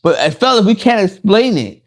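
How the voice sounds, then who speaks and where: A man's voice: high-pitched, sing-song, normal speed. A middle-aged man co-hosting a candid podcast, talking in an emphatic, slangy way and laughing at himself. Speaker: podcast co-host.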